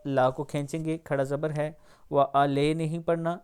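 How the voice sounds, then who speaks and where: A man with a Pakistani Urdu accent teaching the pronunciation of a prayer, drawing each word out slowly, then explaining quickly. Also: fairly high pitch, flat delivery, darkish tone, clear, resonant tone. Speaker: Quran recitation teacher. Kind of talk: pronunciation lesson.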